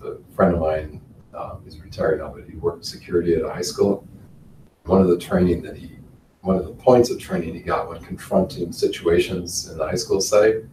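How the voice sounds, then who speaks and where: Man instructor, low mellow voice, relaxed classroom lecture with chuckles, picked up from across an echoey room with faint noise. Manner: relaxed, chuckles often, repeats words. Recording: roomy, from far off, faint noise.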